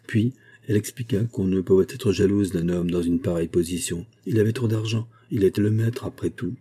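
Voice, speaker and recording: A man reading a classic novel as an audiobook, in a measured, steady narration. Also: low voice, slightly rough.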